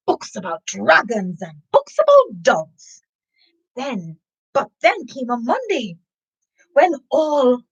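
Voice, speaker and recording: During a live story time for children, a high-pitched woman reads a picture book with lots of expression and talks to her listeners, sniffing and throwing in asides. The recording is rough.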